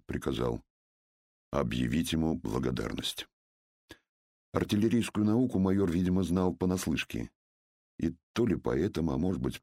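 A man with an extremely deep, husky voice narrates a first-person memoir. He tells it in a calm, measured way, and the recording is close and dry with no room sound. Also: no echo.

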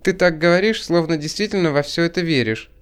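Бриф: мужчина озвучивает ироничную молодую женщину, дразнящие вопросы, аудиокнига. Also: male voice, on the high side, fairly quick, clear, resonant tone, pitched above the performer's own voice, natural voice. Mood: teasing. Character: ironic skeptical young woman, Angelina.

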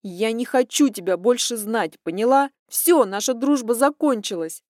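A woman's voice: on the high side, normal speed, darkish tone, no room sound, clean studio sound, natural voice. A woman reading an audiobook voices a furious young woman, a betrayed friend who hurls bitter accusations.

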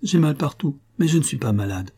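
A man voicing a distraught young country servant girl whose high, strained voice breaks into wails. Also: lively intonation, fairly quick, dark tone, breathy edge. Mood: weary pleading.

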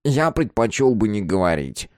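A man's voice: on the low side, big pitch swings, normal speed, darkish tone, no echo, clean studio sound. A man voicing a meek, self-pitying homeless middle-aged man with a nasal, thin voice. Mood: evasive. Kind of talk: audiobook character voice.

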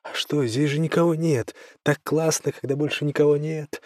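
A man's voice: a little high, steady tone, moderate pace, a little mellow, dry recording, studio quality, pitched above the performer's own voice, natural voice. A man voicing a bold, teasing young woman in a spoken story, his voice raised above his own. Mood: carefree.

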